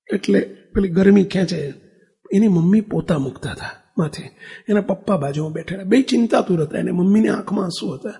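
A man's voice: high voice, creaky, a little mellow, breathy edge, in a large hall. A man giving a sermon, telling a family story and putting questions to the listeners. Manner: acts out family dialogue, asks audience questions. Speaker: religious speaker.

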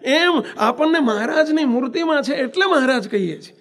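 A man's voice: very high-pitched, lively intonation, fairly quick, fairly bright tone. A monk giving a devotional discourse, often asking his listeners questions and using everyday examples. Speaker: monk preacher.

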